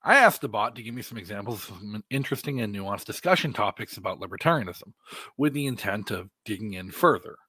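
An American man delivering a podcast monologue as host, in deliberate phrases with emphatic stresses. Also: fairly low pitch, animated, pushed and bright, slightly rough, no echo.

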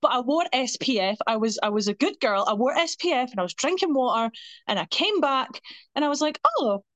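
Woman, Scottish accent, young adult, chatty and animated, high voice, dry close sound. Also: a little fast, dry recording. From Scotland. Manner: chatty, animated storyteller who laughs often. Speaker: guest. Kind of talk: casual chat.

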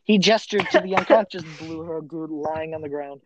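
A woman's voice: sits low, moderate pace, noisy background. A woman narrating a fan story aloud with friends, giggling and stumbling over the words. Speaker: narrator and host.

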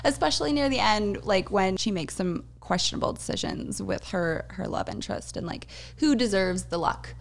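A woman's voice: medium pitch, moderate pace, gravelly, hardly any pauses, slight background noise. A woman co-hosting a podcast, chatting casually with friends and laughing often. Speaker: podcast co-host. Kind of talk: casual chat.

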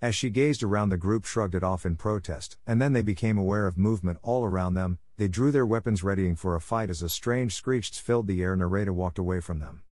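Man, storyteller, low voice, steady scripted narration, dry close recording. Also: a little fast, few pauses, no room sound.

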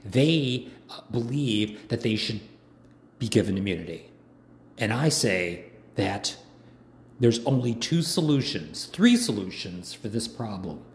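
Hoarse man ranting in an echoey room. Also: on the low side, expressive, measured pace. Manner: rambling, indignant ranting with many fillers. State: hoarse from long talking. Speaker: political commentator. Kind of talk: casual monologue. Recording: echoey room, faint background noise.

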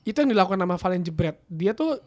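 A man's voice: high-pitched, lively intonation, fast talker, a little mellow. A man, a football commentator chatting casually on a podcast, rambling with restarts and fillers. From Indonesia.

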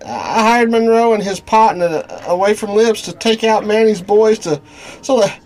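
A man's voice: sits high, expressive, normal speed, a little mellow, pitched above the performer's own voice, rough recording. A man voicing a cowardly, whining small-time mobster who stammers, in a 1930s gangster radio drama. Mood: nervous, flustered.

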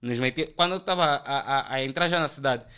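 A young man from Angola with an Angolan Portuguese accent, telling animated, slangy stories as a podcast guest. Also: medium pitch, fairly quick, clean tone. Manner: animated, slangy, acts out quoted voices. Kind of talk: casual storytelling chat.

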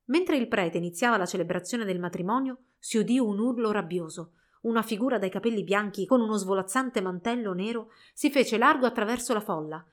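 A woman narrating a storybook in an expressive, measured reading. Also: medium pitch.

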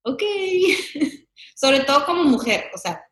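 A woman's voice: sits high, sing-song, slow, fairly bright tone. A young Mexican woman, a comedy sketch creator, chatting animatedly as an interview guest, often laughing. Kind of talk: casual interview chat. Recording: echoey room.

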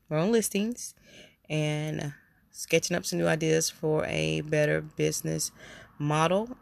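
Sick with a cold and plainly congested, a podcaster delivers a rambling, heartfelt solo monologue in a casual style, tending to repeat words. The voice is mid-range and gravelly.

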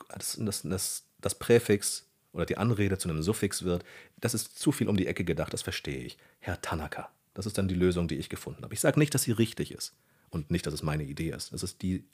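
Man, very deep and raspy voice, podcast guest, explains eagerly and rephrases mid-thought. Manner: explanatory, animated, self-correcting. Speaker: guest, dubbing director. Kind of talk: casual podcast interview.

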